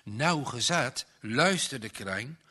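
A man reading a children's story aloud, slow and dramatic, with tense pauses. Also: medium pitch, lively intonation, sharp tone, slightly rough. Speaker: narrator. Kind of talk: storybook narration.

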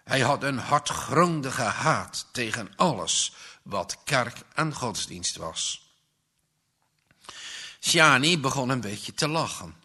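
Male audiobook narrator, slow measured delivery, very bright tone. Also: mid-range voice, expressive, breathy edge. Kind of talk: audiobook reading.

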